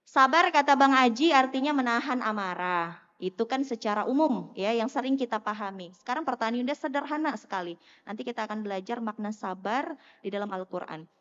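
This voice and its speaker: A woman giving a lively sermon to a live audience, teasing and asking the crowd questions. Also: a little high, a little fast. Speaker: preacher. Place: mosque hall. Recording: muffled sound in a long-echo hall.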